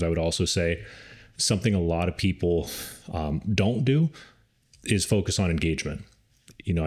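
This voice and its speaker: A man co-hosting a podcast, giving casual advice on dog training, relaxed and rambling with lots of fillers. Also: low-pitched.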